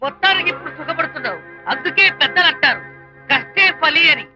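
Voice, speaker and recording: An actor playing a teasing comic sidekick in a film, preaching with proverbs. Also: male voice, extremely high pitch, animated, fast talker, sharp tone, soft background music, exaggerated voice, rough recording. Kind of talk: film comedy dialogue.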